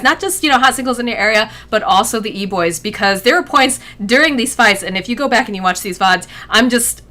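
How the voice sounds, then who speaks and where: A woman's voice: mid-range voice, bright, forceful tone. A woman esports caster, tired after a long day, chatting casually and laughing easily after the match. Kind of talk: casual post-match chat.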